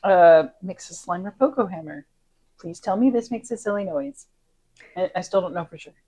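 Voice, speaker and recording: A woman co-host talks casually through a fan commentary, laughing often and repeating lines deadpan. Her voice sits slightly low. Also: moderate pace. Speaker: podcast co-host.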